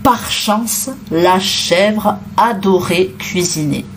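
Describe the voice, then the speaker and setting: A woman reading a children's storybook aloud as narrator, expressive and unhurried. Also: medium pitch, a little hiss or hum. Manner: expressive, unhurried, sing-song.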